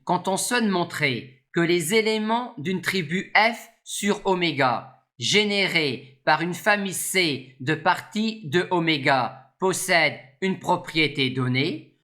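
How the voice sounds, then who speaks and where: A lecturer giving a scripted maths explanation in a measured, formal manner. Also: medium pitch, pushed and bright. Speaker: mathematics lecturer.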